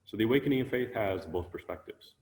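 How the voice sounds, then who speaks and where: A man giving a relaxed, conversational Buddhist teaching online, musing aloud with many ums and restarts. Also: on the low side, fast, long reverb tail. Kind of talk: conversational dharma talk. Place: online talk, sharing his screen.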